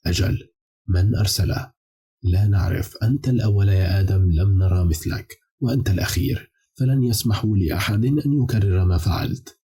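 A man's voice: on the low side, fairly quick, warm tone, husky. A man voicing a chorus of cold, ominous enslaved demons in an audiobook, speaking in a grave, warning tone. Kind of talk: audiobook character reading.

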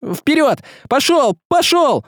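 A man voicing a desperate young male hero in an audiobook, shouting commands urgently. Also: extremely high pitch, very animated, takes it slowly, no room sound, studio quality, voice pushed up, full character voice.

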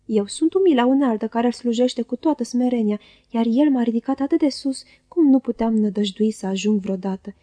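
A cringing, falsely humble young clerk who fawns and flatters in a soft, oily voice, read by a woman. The tone sits a touch high and mellow, recorded close and dry for an audiobook. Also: no echo, close to an everyday voice. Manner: oily, unctuous, soft-spoken.

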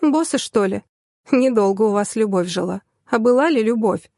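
A woman reading as a sly young secretary in an audiobook, smug and teasing, her voice a little high and on the mellow, soft side. The sound is close and dry, with no room around it. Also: lively intonation, normal speed, no room sound.

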